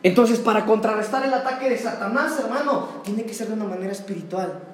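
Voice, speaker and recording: In a church sanctuary with a roomy echo, a pastor with a high voice preaches a fervent sermon at a quick clip. He keeps calling his listeners "brother."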